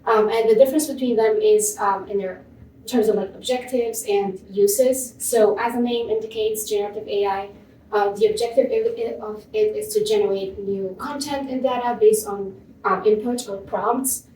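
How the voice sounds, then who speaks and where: A woman's voice: on the high side, moderate pace, warm tone, slight background noise. A young woman from Tunisia presenting at a conference in a casual way, full of ums and likes. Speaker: MA student and teaching assistant presenter. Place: conference room. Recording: echoey room, far from mic.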